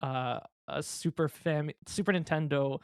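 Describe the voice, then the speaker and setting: A man talking as a podcast panelist in casual chat, halting with restarts and "like" fillers. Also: on the high side, steady tone, vocal fry, clear, resonant tone, dry recording, studio quality.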